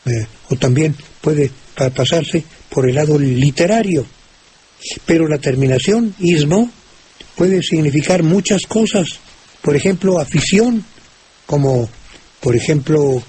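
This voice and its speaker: Slow, hesitant older Mexican man. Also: a little high, expressive, a little mellow. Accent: Mexican Spanish. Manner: slow and hesitant, many restarts and fillers. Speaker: language expert answering listener questions. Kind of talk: radio call-in chat. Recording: old radio recording with faint hiss.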